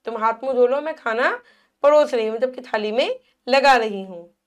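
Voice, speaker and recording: High-voiced woman explaining a story. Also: moderate pace. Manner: reads a passage, then paraphrases it plainly. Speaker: Hindi teacher. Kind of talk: reading and explaining a textbook chapter.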